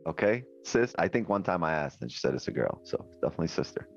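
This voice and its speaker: A man with a deep voice chats casually as a livestream co-host. His talk is informal and slangy. The sound is a little dull, with music playing behind him. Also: very animated, fast, creaky. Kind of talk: casual chat.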